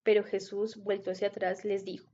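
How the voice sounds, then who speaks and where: Woman scripture reader, warm, even delivery, muffled lo-fi recording. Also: medium pitch, a little hiss or hum. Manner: steady, measured reading. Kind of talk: Bible reading. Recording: dull lo-fi recording.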